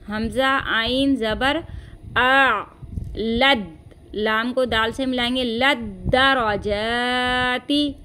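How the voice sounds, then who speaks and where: A woman teaching recitation as a patient, corrective teacher, chanting slow phrases and then explaining each one. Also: fairly high pitch, fairly even intonation, sharp tone, a little hiss or hum. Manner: patient, corrective, says "theek hai" often.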